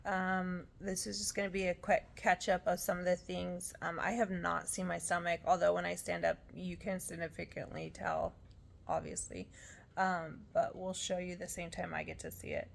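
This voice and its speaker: A tired woman recovering from surgery, talking in a casual, halting, rambling way as she shares an update. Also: fairly low pitch, level tone, gravelly. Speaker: vlogger sharing surgery recovery. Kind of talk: casual chat.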